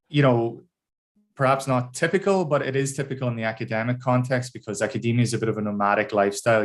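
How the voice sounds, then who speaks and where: A middle-aged man with a northwest Irish accent from Donegal, giving an informal, reflective career talk to students over a video call. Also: fairly low pitch. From Donegal, Ireland. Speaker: guest speaker, engineer.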